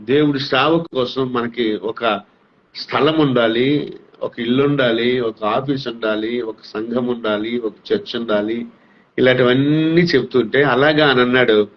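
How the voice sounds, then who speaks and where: A man's voice: medium pitch, unhurried, a little hiss or hum. A middle-aged man giving an emotional testimony as a pastor, earnest and near tears, his fervor rising as he speaks. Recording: dull lo-fi sound.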